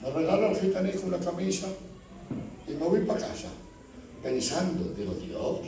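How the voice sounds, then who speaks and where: A man's voice: high voice, lively intonation, normal speed, background noise. A man preaching a sermon as pastor, telling stories and acting out dialogue with churchgoers. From Spain. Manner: storytelling, acts out dialogue with church members. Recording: echoey church hall from far off.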